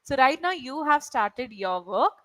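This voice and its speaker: In this online tutoring session, an Indian woman whose native tongue is Malayalam teaches English by video call. Her high voice has a sing-song lilt, a measured pace, and a fairly bright tone. She encourages her student warmly, frequently checking in with "right?"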